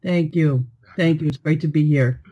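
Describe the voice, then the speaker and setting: A woman's voice: low voice, moderate pace, dark tone, breathy edge, highs cut off. Reflective woman from New York. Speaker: poet and author, guest. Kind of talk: interview answers.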